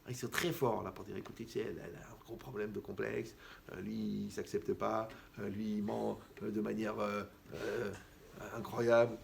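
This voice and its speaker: A man giving a lively, conversational sermon as a rabbi, who acts out the people he quotes. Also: lowish voice, normal speed, vocal fry, a little hiss or hum. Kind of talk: animated sermon.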